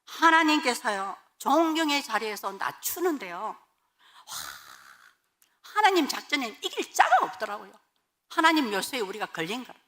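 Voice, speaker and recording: A woman, a pastor's wife, tells her church testimony as animated storytelling and acts out the dialogue. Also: a little high.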